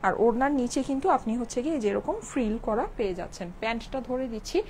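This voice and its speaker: Bangladeshi woman doing a live clothes sale, kinda hoarse, higher voice, faint room noise behind. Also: rapid-fire, a little mellow. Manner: chatty, keeps checking in with viewers. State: slightly hoarse from a cold. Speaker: clothing shop seller on a live stream. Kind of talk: live selling chat to viewers. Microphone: phone with clip-on mic.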